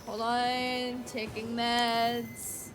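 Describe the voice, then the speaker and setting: A woman's voice: on the high side, completely flat delivery, extremely slow, over music. A woman streamer in casual, playful gaming chat, chatty and giggly.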